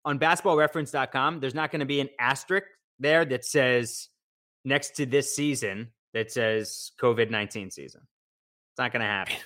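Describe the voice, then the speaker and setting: A man co-hosting a sports podcast, chatting casually and teasing his partner in lively banter. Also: mid-range voice, moderate pace. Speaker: podcast co-host.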